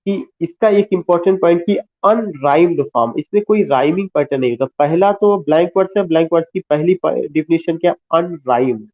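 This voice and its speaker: A man giving a classroom lecture, explaining slowly, repeating key terms and asking rhetorical questions. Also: on the high side. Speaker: teacher. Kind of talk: classroom lecture mixing Hindi and English. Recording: tinny phone-like sound.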